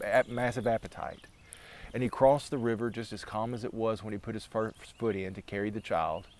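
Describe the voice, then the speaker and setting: A man's voice: lowish voice, a little hiss or hum. A man telling a legend aloud in a casual, dramatic way, building tension through repetition and restarting his sentences. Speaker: storyteller. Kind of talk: oral storytelling of a legend.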